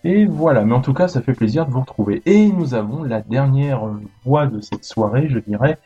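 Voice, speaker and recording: A man's voice: medium pitch, lively intonation, normal speed, dark tone, husky, muffled recording, soft background music. A man hosting a casual gaming podcast, chatty and full of fillers and restarts. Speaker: podcast host.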